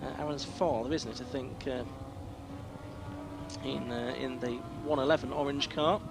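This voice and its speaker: A man's voice: mid-range voice, fairly even intonation, normal speed, gravelly. A man working as a motorsport commentator, calling a race live with descriptive play-by-play. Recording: noisy trackside outdoor sound, engines behind.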